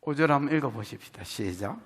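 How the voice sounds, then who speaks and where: A man's voice: mid-range voice, animated, fast, husky. Emphatic Gyeongsang-accented male pastor. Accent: Gyeongsang Korean. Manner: emphatic, folksy, addresses the congregation directly. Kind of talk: sermon. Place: church sanctuary. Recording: long reverb of a church hall.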